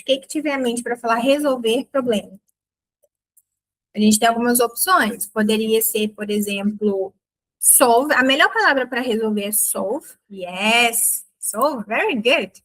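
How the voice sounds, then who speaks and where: Woman, English teacher, chatty lesson, slow careful example sentences, fairly high voice. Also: a bit bright. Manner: chatty, checks in with the learner often. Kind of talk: online grammar lesson.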